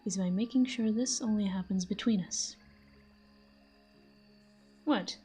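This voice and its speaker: In a roleplay audio drama, a woman plays a possessive, flirtatious fantasy villain. She teases the listener smugly and speaks to them intimately. Her voice is mid-range, mellow and slightly rough.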